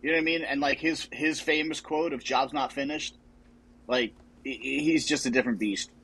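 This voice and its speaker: A man's voice: mid-range voice, steady tone, moderate pace, fairly bright tone, slightly rough, rough recording. A young man co-hosting a casual sports podcast, joking and chatty. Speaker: podcast co-host.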